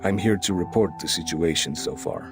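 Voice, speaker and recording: An actor playing a male underling who delivers a sober, measured report to his superior in a game, with a gravelly voice. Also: deep voice. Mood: calm. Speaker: game character. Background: game music.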